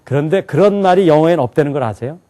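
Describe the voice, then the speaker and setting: A man's voice: a little high, expressive, very fast, warm tone. A man teaching a lecture to a live class. He keeps asking the students questions and then answers them himself. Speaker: English teacher.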